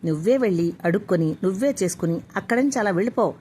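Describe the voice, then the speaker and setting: A woman voicing a firm, stern middle-aged father who speaks in a steady way in a spoken story. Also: medium pitch, fast talker, slight background noise, lightly acted.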